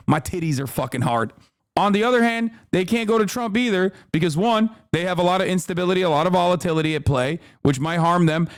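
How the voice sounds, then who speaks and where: A man's voice: high-pitched, no echo, clean studio sound. A man live-streaming political reaction commentary, talking in a profane, emphatic way and often tagging "okay?" onto his points.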